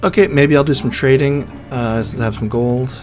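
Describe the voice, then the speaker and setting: A man at an ordinary mid pitch, chatting his way through a game run in a relaxed, offhand manner. He often drops to a hushed, near-whispered voice while sneaking. Faint background music plays under the voice. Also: a little fast. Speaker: gaming YouTuber. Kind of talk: casual gameplay commentary and narration.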